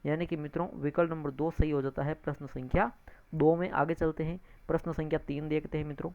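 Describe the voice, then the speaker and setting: Gravelly exam-prep teacher, lo-fi sound. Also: medium pitch, steady tone, fast. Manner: repetitive, addresses listeners as friends, frequent tag questions. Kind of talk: exam-prep lecture, explaining answers. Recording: dull lo-fi recording.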